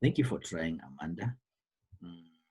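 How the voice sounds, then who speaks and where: A man's voice: low voice, lively intonation, unhurried, darkish tone, husky, low-quality recording. A man with a Kenyan accent teaching a biology lesson to an online class, repeating words and stressing key terms. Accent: Kenyan English. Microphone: computer microphone on a call.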